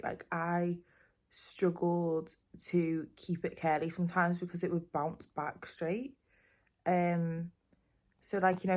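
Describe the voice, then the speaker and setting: Chatty young Liverpool woman, lowish voice. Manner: chatty, rambling, lots of "um" and "like". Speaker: vlogger. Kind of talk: casual chat to camera. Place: at home.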